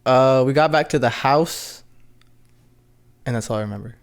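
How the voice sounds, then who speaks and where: A man's voice: medium pitch, moderate pace, clean tone. A man chatting casually in a terse, matter-of-fact way. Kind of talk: casual chat.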